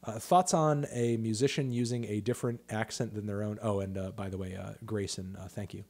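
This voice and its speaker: A man's voice: fairly low pitch, fairly even intonation, a little fast, a little mellow. A man in his thirties hosting a casual livestream Q&A about music, talking loosely with lots of fillers, restarts and swearing. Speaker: music critic host answering viewer questions.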